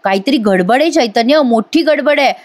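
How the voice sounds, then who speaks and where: A woman's voice: high-pitched, animated, moderate pace. Woman voicing a suspicious young hero. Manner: puzzled, questioning.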